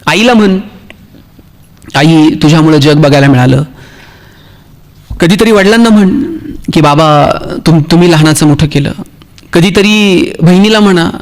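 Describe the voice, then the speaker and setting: A man with a Marathi accent delivers a motivational speech, and his voice sits noticeably high for a man. He tells humorous stories and acts out the dialogue of each character for his listeners. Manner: storytelling, acts out dialogue, jokes with the audience. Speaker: motivational speaker.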